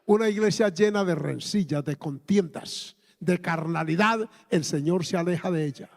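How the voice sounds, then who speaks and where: A man's voice: high-pitched, normal speed, creaky, darkish tone. A man in his fifties with a Colombian accent, preaching a sermon emphatically, with exclamations and repeated words. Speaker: pastor. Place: church hall. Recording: long reverb of a church hall.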